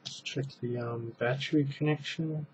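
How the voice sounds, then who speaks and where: The recording is muffled with a little hiss or hum, carrying a steady mid-range male voice at normal speed. An Australian in his thirties, he casually demonstrates a gadget at home for a show-and-tell review, rambling with plenty of ums and restarts as his hands stay busy. He's in a small indoor room near a webcam mic.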